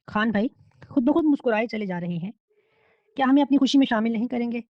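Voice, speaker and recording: A woman reading the lines of a lonely, warm-hearted young male colleague who speaks in a friendly, earnest way. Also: a little high, expressive, dry recording, natural voice. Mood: teasing. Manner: friendly, teasing, then tearful and pleading. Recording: dull, dry lo-fi recording.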